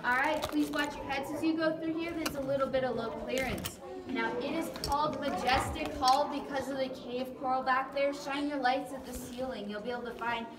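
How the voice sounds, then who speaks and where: A woman's voice: high voice, fairly even intonation, moderate pace, hardly any pauses, crowd noise. A woman working as a cave guide, giving instructive, lightly joking tour narration to a group in an echoing cave. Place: inside a cave. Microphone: handheld camera some distance away. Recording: echoing cave, distant camera, noisy.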